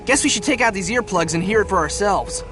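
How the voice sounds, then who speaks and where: A man voicing an earnest, excitable young boy hero in a cartoon. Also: sits high, quick pace, loud music behind the voice. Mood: eager. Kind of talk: cartoon voice acting.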